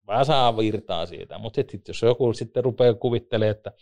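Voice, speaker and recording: Low-voiced man telling jokey stories. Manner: joking, lively anecdotes. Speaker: ice hockey referee and former league player. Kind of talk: casual storytelling interview.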